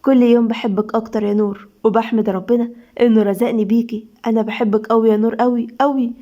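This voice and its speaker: A woman's voice: fairly high pitch, steady tone, quick pace, highs cut off, close to an everyday voice. A devoted, God-fearing young Egyptian husband, fond and earnest, as a woman storyteller puts him on. Close to her own voice. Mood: loving. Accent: Egyptian Arabic. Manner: warmly affectionate.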